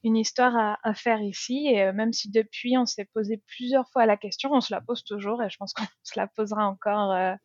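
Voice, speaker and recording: A woman's voice: mid-range voice, steady tone, brisk, hardly any pauses, no echo, lo-fi sound. A young French woman being interviewed, chatting casually with frequent laughs and hesitant fillers. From France. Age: young adult. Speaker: interview guest.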